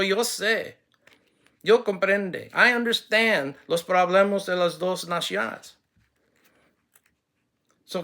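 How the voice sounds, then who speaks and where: A man whose voice sits high with a sharp tone speaks formally to the camera, struggling through Spanish despite being a native English speaker. Full of restarts and switches to English, his earnest message ends in blessings.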